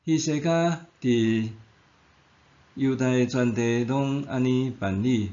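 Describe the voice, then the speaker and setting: A man with a Taiwanese Hokkien accent reading a scripted devotional in a measured, formal way. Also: medium pitch, mellow, lo-fi sound. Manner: measured, formal read-aloud delivery. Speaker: devotional reader and narrator.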